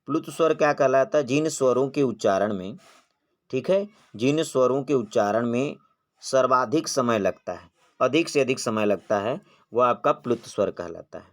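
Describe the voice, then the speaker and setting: A man's voice: medium pitch, lively intonation, moderate pace. A man teaching an exam-prep grammar lesson, posing questions and answering them himself, drawing out vowel sounds when he demonstrates them.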